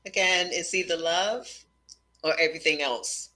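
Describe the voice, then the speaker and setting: A woman's voice: fairly low pitch, moderate pace, pushed and bright, low-quality recording. A woman hosting a casual spiritual conversation, teacherly and repeating key points. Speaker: host.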